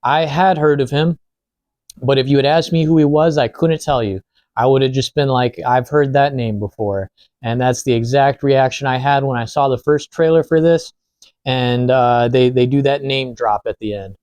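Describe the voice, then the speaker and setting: A man's voice: mid-range voice, moderate pace, darkish tone, no echo. A man giving a casual, informal film review, speaking conversationally with some mild swearing. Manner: informal, lightly profane. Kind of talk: casual film review chat while eating.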